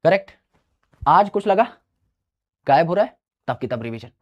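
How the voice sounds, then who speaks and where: A man's voice: a little high, very animated, moderate pace, dull audio. A male coaching teacher giving casual, brotherly study advice to students, often checking in with them as he talks. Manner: chatty, brotherly, checks in with "right?". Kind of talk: casual mentoring talk to students.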